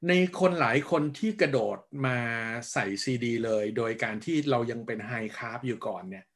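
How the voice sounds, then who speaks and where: A man explaining diet advice in a panel talk, measured and patient, ending sentences with polite particles. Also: medium pitch, animated, fairly bright tone. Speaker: health guest.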